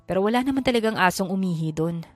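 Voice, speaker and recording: A woman voicing a calm, teasing young rich man in a lowered, gentle voice. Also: quick pace, no room sound, soft background music, close to an everyday voice.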